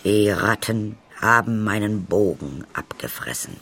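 A man's voice: fairly low pitch, animated, a little slow, a bit bright, full character voice. A man doing a sorrowful old professor. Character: sad, gentle old professor fiddler.

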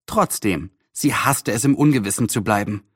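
A man narrating a children's storybook in an expressive, lively way. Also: lowish voice, moderate pace, breathy edge, no room sound, studio quality.

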